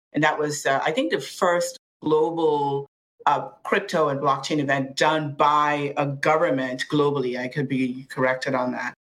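A woman from the Bahamas speaking as a panel guest, earnest and measured, often restarting her sentences. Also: low voice, fairly bright tone, low-quality recording. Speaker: panel guest, finance and blockchain official. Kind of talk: reflective panel answer.

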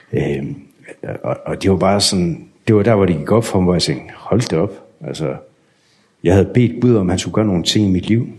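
A man telling his personal story in a candid, unhurried way, acting out remembered conversations. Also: low-pitched, a little mellow. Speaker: guest sharing a testimony.

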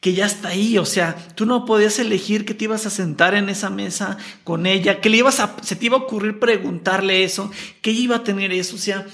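A man's voice: high voice, fairly even intonation, a little fast, gravelly, few pauses, a bit bright. A man hosting a podcast, thinking aloud in a friendly way with his guest. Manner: friendly, reflective, calls guest "hermanito". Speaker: podcast host. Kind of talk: casual interview chat.

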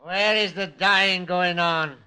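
A man's voice: sits high, fairly even intonation, slow, heavy background noise. An actor playing a callous, dismissive male prison guard in a radio drama. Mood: irritated. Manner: dismissive, impatient.

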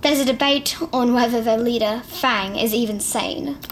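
An actress playing a stern woman in charge, firm and scolding. Her voice sits high, and faint noise hums in the background of a radio drama. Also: moderate pace, close to an everyday voice. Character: stern adult authority figure.

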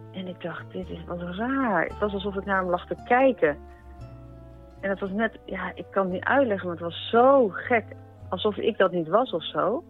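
A woman tells her own story in a reflective, halting manner, often pausing to find her words. Her voice comes through a thin, phone-like radio band with faint music underneath. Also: mid-range voice. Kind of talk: personal account. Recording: narrow radio-broadcast sound, faint music.

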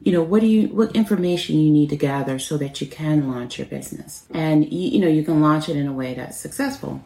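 A woman's voice: low-pitched, a little fast, creaky, dark tone, a little hiss or hum. A woman in her forties hosting her own business podcast, talking in an encouraging, conversational way with many "you know" fillers. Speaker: podcast host and business coach. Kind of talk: motivational solo podcast talk. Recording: roomy echo.

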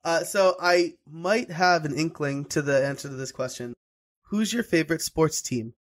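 Upbeat host from New York. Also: male voice, on the high side. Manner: friendly, quick affirmations. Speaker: podcast host. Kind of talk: casual interview chat.

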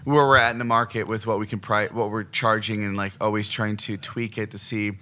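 A man hosting a podcast, sounding hoarse from smoky air, relaxed and joking. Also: on the low side, brisk. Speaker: podcast host. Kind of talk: casual podcast conversation.

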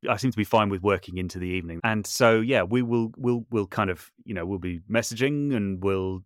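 A composer and voice artist, this man talks briskly at a fairly low pitch while chatting casually as an interview guest. He comes across as thoughtful and modest about himself, repeatedly circling back to restate his words. The recording is dry and clean, from a home studio set up in a small brick outbuilding.

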